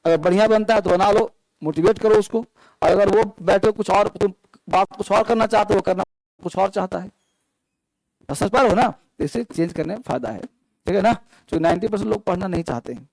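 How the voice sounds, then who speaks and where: A male teacher with a high-pitched voice lectures a classroom, quizzing the children as he explains. The sound is close and dry, with no room echo. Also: brisk, vocal fry, a little mellow. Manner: addresses students as children, asks the class questions. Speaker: English teacher. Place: classroom with students, also streamed online.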